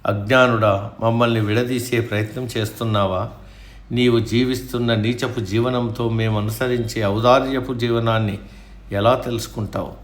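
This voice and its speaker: A man's voice: medium pitch, steady tone, normal speed, reverberant, lightly acted. A man voicing a grieving, stubborn eldest king who wagers his brothers, in a storybook reading. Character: grieving proud eldest king, desperate gambler.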